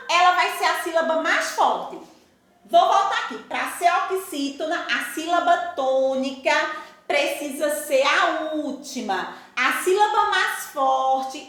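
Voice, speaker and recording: A woman teacher with a Brazilian Portuguese accent giving a recorded school lesson, stretching out example words slowly and with emphasis. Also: high-pitched, sharp tone. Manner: slow, drawn-out, emphatic over example words. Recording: very echoey room.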